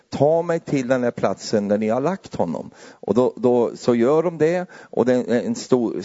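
A man preaching a sermon in a conversational way, often adding tag questions and getting louder and higher as he builds. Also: dull audio.

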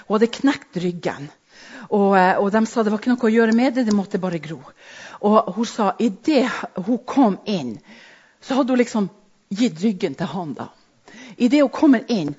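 A woman's voice: mid-range voice, breathy edge. Woman preaching, swinging to whispers. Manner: preaching with emphatic rises and hushed whispers. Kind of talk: sermon. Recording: dull lo-fi recording.

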